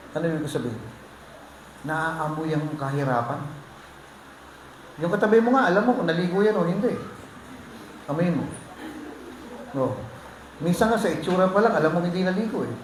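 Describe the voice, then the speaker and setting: A man's voice: fairly high pitch, lively intonation, moderate pace, pauses often. A man preaching a sermon as pastor, joking with and teasing the congregation. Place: church hall. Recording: echoey hall with faint noise.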